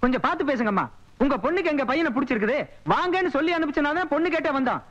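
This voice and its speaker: A man's voice: very high-pitched, expressive, very fast, a bit bright. Insistent, complaining groom's father. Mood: aggrieved. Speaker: groom's relative. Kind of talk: film comedy dialogue. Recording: dull lo-fi film audio.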